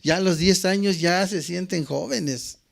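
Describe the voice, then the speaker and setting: A man's voice: high voice, measured pace, vocal fry. An older man with a Mexican Spanish accent preaching a sermon as pastor, repeating phrases and tagging lines with questioning asides. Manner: peppers phrases with questioning "¿verdad?"; repetitive, call-and-response preaching.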